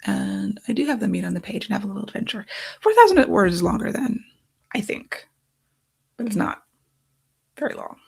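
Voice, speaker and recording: A woman author talks through her writing process, thinking aloud and pausing over her note cards. Her voice is gravelly and husky, worn thin as she is losing it. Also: mid-range voice.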